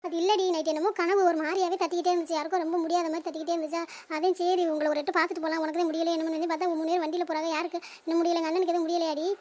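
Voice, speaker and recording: A woman voicing a worried middle-aged mother with a sped-up, squeaky cartoon voice. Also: little pitch movement, very fast, a little mellow, a little hiss or hum. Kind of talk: cartoon family drama.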